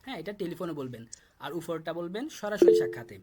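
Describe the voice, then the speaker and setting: Patient young Bangladeshi language teacher. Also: male voice, on the high side, lively intonation, warm tone. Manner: patient, repeats words slowly for pronunciation. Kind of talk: live online class.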